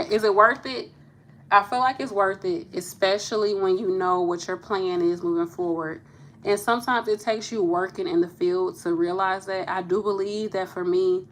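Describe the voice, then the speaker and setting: A woman's voice: lowish voice, slight background noise. A woman in her thirties, a nurse hosting a casual live chat with viewers, talking candidly and laughing easily. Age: 30s. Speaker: nurse and channel host.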